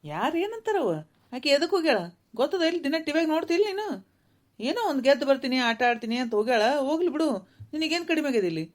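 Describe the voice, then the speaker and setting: A woman doing a gentle young village son. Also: high-pitched, sing-song, fast talker. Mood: calm. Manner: pleading, reasoning, soothing. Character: patient young married man, gentle son. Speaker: voice actor. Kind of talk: cartoon voice acting.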